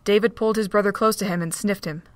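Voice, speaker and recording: A woman narrating an amateur audio drama with an even, steady reading. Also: mid-range voice, fast, dry recording.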